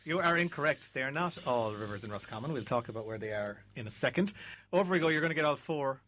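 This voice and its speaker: An Irish man hosts a quiz, reading out clues and answers casually. His voice sits at an average male pitch. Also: lively intonation, fast talker, fairly bright tone, a little hiss or hum. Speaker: quiz host.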